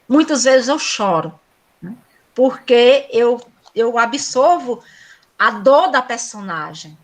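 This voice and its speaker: Middle-aged female teacher, high voice, lilting recitation, chatty asides, over a video call. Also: fairly bright tone. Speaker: cordel workshop teacher. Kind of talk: reciting cordel verse and explaining meter.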